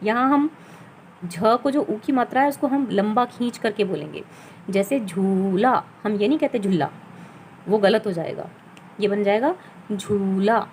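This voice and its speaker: A woman's voice: fairly high pitch, animated, normal speed, a little mellow, a little hiss or hum, poor audio. A woman teacher giving a patient reading lesson for children, spelling words out sound by sound.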